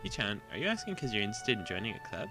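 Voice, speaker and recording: A man voicing a bubbly, energetic teenage schoolgirl in a game, speaking in a chirpy, upbeat way. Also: lowish voice, racing, music in the background, pitched above the performer's own voice. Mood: cheerful.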